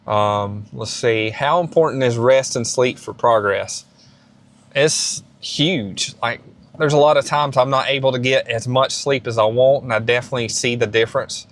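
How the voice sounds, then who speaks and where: Man, late 30s, fitness vlog host, middle pitch, casual, rambling, encouraging, restarts often. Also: moderate pace.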